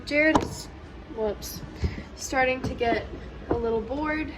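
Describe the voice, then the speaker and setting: A woman's voice: a little high, moderate pace, very noisy. A young woman, a stay-at-home mom, chatting casually through her day's chores in a home vlog. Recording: music playing under the voice.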